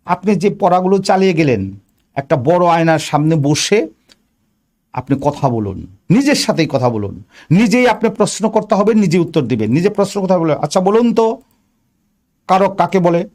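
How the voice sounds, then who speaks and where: Lively, emphatic male exam coach. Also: a little high, normal speed. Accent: Bangladeshi Bengali. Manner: repetitive, emphatic, addresses the listener directly. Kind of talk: spoken lesson on viva preparation.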